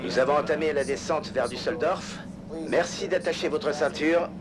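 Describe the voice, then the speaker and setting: An actor playing an airline captain who makes a polite, measured cabin announcement over the aircraft PA to the passengers. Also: male voice, fairly high pitch, background noise. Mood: calm. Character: calm male airline captain addressing passengers.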